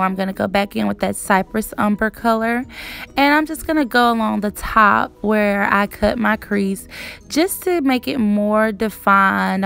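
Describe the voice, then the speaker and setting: Creaky, smooth-voiced young woman, chatty. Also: mid-range voice, a bit bright. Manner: chatty, emphatic word repetition. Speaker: beauty vlogger. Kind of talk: casual makeup tutorial narration.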